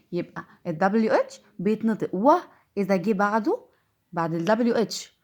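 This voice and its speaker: A woman with an Egyptian Arabic accent teaching English pronunciation, patiently repeating each word slowly. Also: mid-range voice. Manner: patient, repeats words slowly to drill them. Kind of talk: classroom-style lesson.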